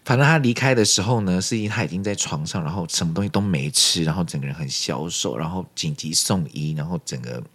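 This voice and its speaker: A man with a low, slightly rough voice talks fast with few pauses while co-hosting a casual podcast chat. He tells stories animatedly, acting out the quoted dialogue and laughing frequently.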